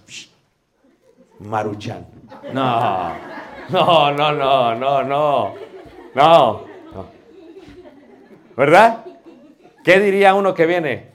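Animated Mexican man teaching a class. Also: mid-range voice. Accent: Mexican Spanish. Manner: animated, asks rhetorical questions, homely cooking comparisons. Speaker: preaching instructor. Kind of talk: lively class lecture.

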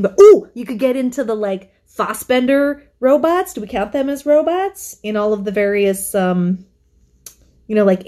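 Woman podcast co-host, casual chat, rambling and playful, mid-pitched voice. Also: mellow. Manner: rambling, playful, lots of "like" asides.

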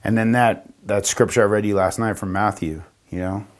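A man's voice: fairly low pitch, moderate pace. A man from Florida, a pastor, telling his story casually on a podcast and acting out the dialogue. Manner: animated, acts out quoted dialogue in a raised voice.

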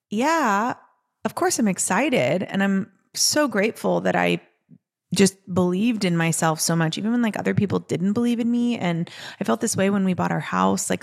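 A woman's voice: mid-range voice, vocal fry. A woman hosting her own podcast, talking casually in a chatty monologue full of "like". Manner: chatty, peppered with "like". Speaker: podcast host.

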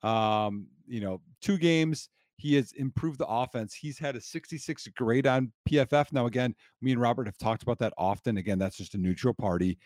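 A man's voice: mid-range voice, darkish tone, no echo. A man co-hosting a casual sports podcast, rattling off injury news until he runs short of breath. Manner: rapid-fire listing of injury news. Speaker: podcast co-host.

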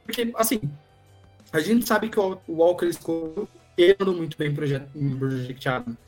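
A Brazilian woman guest on a podcast, calmly explaining her opinion in casual chat. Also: deep voice, moderate pace, faint music behind.

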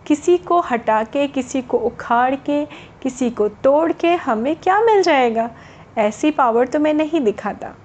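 A woman voicing the sun as a calm, gentle, wise male figure who speaks softly in a storybook tale. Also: sits high, unhurried, muffled recording, a little hiss or hum. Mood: earnest.

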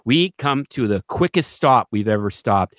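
Male guest telling a story, animated, mid-pitched voice, dry close sound. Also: normal speed, dry recording. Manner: animated, keeps asking "right?". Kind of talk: casual storytelling.

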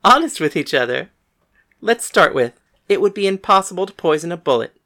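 A woman's voice: lowish voice, very animated, a little fast, fairly bright tone. A woman voicing a bold, frank young gunslinging woman in an audiobook, speaking in a blunt, matter-of-fact way. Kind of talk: audiobook character voice.

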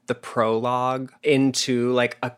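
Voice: medium pitch, level tone, measured pace, smooth. A podcast co-host enthusing about a musical performance in casual chat, with lots of "like" fillers. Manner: gushing, filler-heavy fan talk.

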